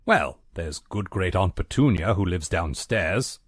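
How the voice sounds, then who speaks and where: A long-suffering butler in a point-and-click game, formal and dryly polite. His voice sits very low, but its pitch rolls up and down expressively. The sound is close and dry. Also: expressive, a little slow, slightly rough, dry recording, full character voice.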